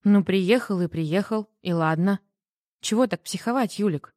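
A woman's voice: medium pitch, moderate pace, a little mellow, no room sound, lightly acted. Woman reading as a pushy teasing wife, needling questions, dry close sound. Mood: prying. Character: prying, teasing wife, worried. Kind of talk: audiobook reading.

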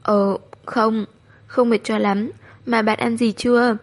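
A woman's voice: on the high side, level tone, slow pace. A woman reading the part of a clumsy teenage girl who talks in a hesitant, flustered way.

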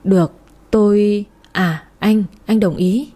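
Woman voicing a bashful male firefighter in an audio story, gentle and low-key. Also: brisk, lightly acted. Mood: flustered. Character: gentle tired firefighter man, shy.

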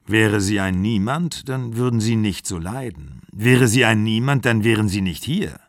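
Guarded aging man, calm and polite, low voice, dry sound, as a reader voices him. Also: moderate pace, no echo.

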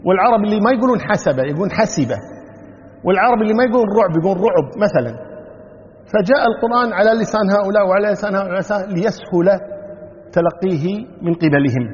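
Man, high voice, rapid sermon, repeats key phrases, long hall reverb, muffled lo-fi audio. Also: animated. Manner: explains verses word by word, repeats key phrases. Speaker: Islamic preacher. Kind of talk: Quran tafsir lesson. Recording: dull lo-fi recording with hall reverb.

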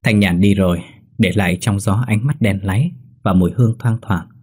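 Low, husky male storyteller. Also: moderate pace, darkish tone. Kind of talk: scripted story narration.

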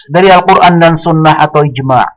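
A man giving a religious study lecture, speaking in a measured way and quoting Arabic passages. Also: on the high side, poor audio. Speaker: Islamic teacher.

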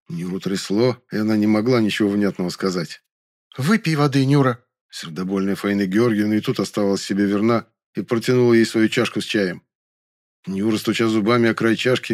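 A man narrating a first-person story as an audiobook, telling it in a steady storytelling voice. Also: on the low side.

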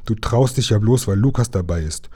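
A man reading a storybook aloud, voicing a small, stubborn and proud princess girl with a somewhat raised, soft voice. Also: fairly low pitch, fairly quick, natural voice. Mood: snippy.

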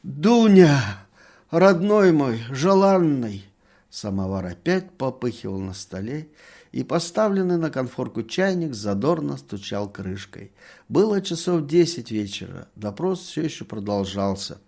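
A man's voice: mid-range voice, very animated, normal speed, vocal fry, a little mellow. Man reading a story expressively. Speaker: narrator. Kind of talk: literary audiobook reading.

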